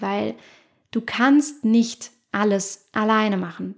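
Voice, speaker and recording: A woman's voice: mid-range voice, vocal fry. A woman in her thirties hosting a motivational podcast, talking straight to the listener, acting out inner voices and asking many rhetorical questions. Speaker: podcast host and life coach.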